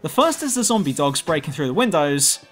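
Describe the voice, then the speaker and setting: A man hosts a scripted game review in a fairly high, lively voice. His delivery is blunt and sardonic, with faint music underneath. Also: brisk. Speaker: video game reviewer, countdown host.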